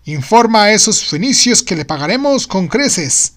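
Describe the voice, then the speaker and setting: Man playing excitable male inventor, boastful, pompous, higher-pitched, grandiose, exclamatory, storybook character. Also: normal speed. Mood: excited, boastful. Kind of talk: audio storybook.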